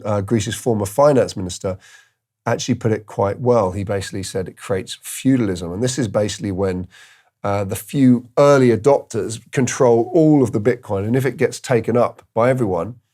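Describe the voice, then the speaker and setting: A man's voice: on the low side, moderate pace, darkish tone. A man hosting a crypto video, giving casual commentary and thinking aloud with fillers and restarts. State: tired, yawning.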